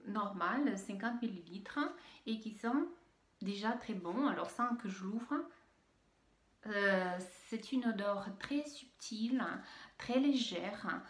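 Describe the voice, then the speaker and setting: A woman's voice: mid-range voice, roomy sound. A woman with a Russian accent, chatting casually as she unboxes beauty products, hesitant with many fillers and restarts. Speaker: beauty vlogger. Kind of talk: unboxing video, casual chat.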